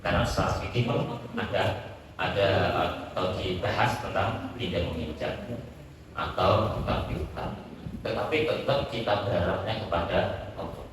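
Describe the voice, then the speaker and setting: A man, giving a religious study sermon. He explains slowly and recites Arabic phrases. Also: deep voice, a little hiss or hum. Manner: explains slowly, quotes Arabic, mixes in local Javanese words. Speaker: Islamic preacher. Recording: echoey hall mic from far off.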